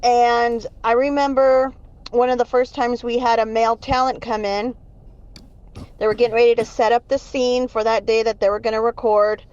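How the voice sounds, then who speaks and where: A woman's voice: fairly high pitch, little pitch movement, normal speed, a little mellow, clear, resonant tone. A woman calling in, telling a casual story over a phone line in a voicemail and laughing between sentences. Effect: over a phone line, left as a voicemail. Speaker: caller.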